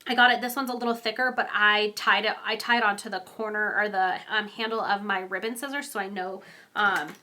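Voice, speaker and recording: Brisk and sharp, this young woman's medium-pitched voice stays fairly even, though a cold has left her stuffy and congested. Giggling frequently, she rambles through a relaxed card-making tutorial full of ums and little laughs.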